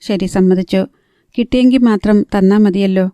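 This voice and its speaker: Anxious young woman pleading softly, read by a narrator, mellow dark voice. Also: medium pitch, fairly even intonation, moderate pace, no echo, studio quality, natural voice. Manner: earnest, hushed pleading.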